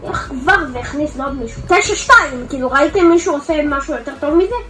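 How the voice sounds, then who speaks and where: A woman giving live gameplay commentary, excitable, shouting out exclamations and repeating words rapidly. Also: sits high, very noisy. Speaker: gaming video creator.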